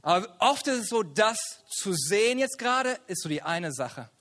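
A man preaching a lively sermon, telling a personal family story and acting it out with rising, shouted lines. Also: sits high, normal speed. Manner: animated, acts out family voices, rises to shouts.

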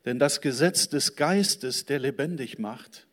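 A man preaching a sermon, slowly and emphatically, acting out the quoted lines in the stories he tells. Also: mid-range voice, fairly bright tone. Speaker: pastor.

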